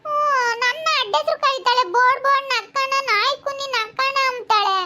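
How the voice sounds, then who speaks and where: A woman's voice: extremely high pitch, fairly even intonation, normal speed, bright, forceful tone, pitched above the performer's own voice, heavily acted. A woman voicing a little girl who cries and tattles to her teacher in a whiny, tearful way. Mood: tearful tattling.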